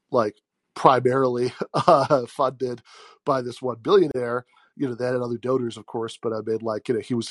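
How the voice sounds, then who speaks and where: A man hosting an informal solo commentary show, speaking haltingly and off the cuff into a handheld phone. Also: mid-range voice, no echo. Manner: halting, chuckles mid-sentence. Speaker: podcast host taking callers. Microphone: phone held like a call, no headset.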